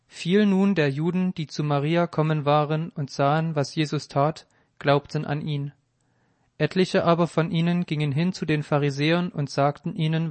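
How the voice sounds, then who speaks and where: Man reading scripture in an even, solemn tone. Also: on the high side, dry recording. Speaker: narrator.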